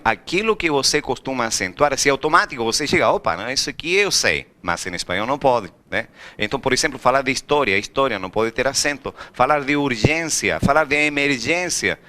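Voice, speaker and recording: A man teaching Spanish in a classroom, often asking the students questions. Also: medium pitch. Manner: lively, rhetorical questions to students. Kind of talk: recorded classroom lecture.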